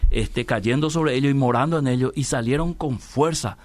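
A man's voice: medium pitch, moderate pace, dry recording. Dry-voiced man preaching in conversation. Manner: preachy, repeats rhetorical questions and answers them; often tags phrases with "¿verdad?" and addresses the interviewer by name. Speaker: preacher guest on a religious talk program. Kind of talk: conversational Bible teaching.

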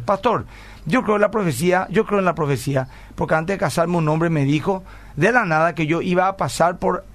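A middle-aged man, a pastor hosting a radio call-in program, telling stories earnestly and often asking "¿verdad?". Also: on the high side. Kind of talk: radio call-in talk, answering listener messages.

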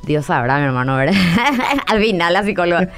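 A woman's voice: on the low side, lively intonation, normal speed, faint music behind. A woman psychologist as a guest on a church-interview. She speaks earnestly and preaches, and she keeps calling the listener her brother. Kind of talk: interview on faith and parenting.

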